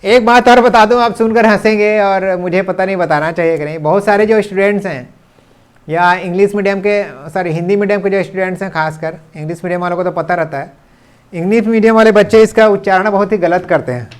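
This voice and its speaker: A man with a fairly high voice teaches grammar in a classroom-style video lesson. He explains patiently and drops into English for example sentences, which he repeats slowly. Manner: mixes English sentences into his speech.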